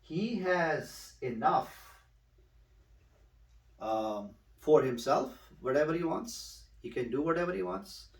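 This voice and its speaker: A man teaching one student, patient and unhurried, often repeating each word slowly. He sits back from the mic in a roomy space, so his voice carries a clear echo. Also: a little high, expressive, recorded from a distance. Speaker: Quran recitation teacher. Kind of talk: one-on-one tutoring.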